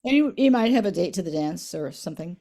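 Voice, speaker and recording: A mother in her eighties reminisces during a casual family interview, speaking in a lowish voice that is animated and fast. She is soft-spoken, and her voice trails off quietly at the ends of lines.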